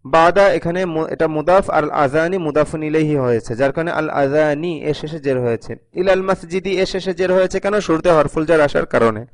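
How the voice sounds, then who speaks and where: A man's voice: fairly high pitch, moderate pace. A male teacher giving a recorded video lesson, patiently reading sentences aloud and translating each one, often repeating them. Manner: reads each sentence, then translates it line by line; patient, repeats phrases for learners. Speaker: Arabic teacher.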